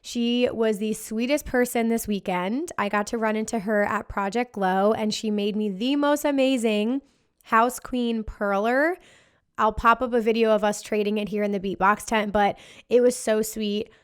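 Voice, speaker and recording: A woman's voice: on the high side, steady tone, normal speed, clean tone. A woman hosting a casual solo podcast with upbeat, giddy party-girl enthusiasm and a slightly worn post-party voice. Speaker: podcast host. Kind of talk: casual podcast monologue, festival recap.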